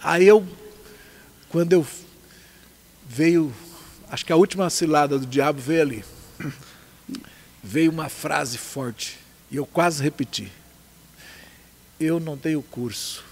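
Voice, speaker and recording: A man's voice: a little high, takes it slowly, long pauses, darkish tone. A man with a Brazilian Portuguese accent, casually telling his story as a guest, laughing often and acting out what people said. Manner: laughs often, acts out dialogue.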